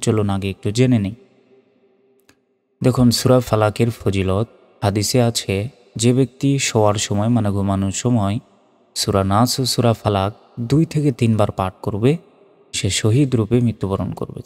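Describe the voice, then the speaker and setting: A man teaching Quran recitation letter by letter, moving between slow chanted recitation and plain spoken explanation. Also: fairly low pitch, darkish tone. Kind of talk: spelled-out recitation lesson. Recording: long reverb.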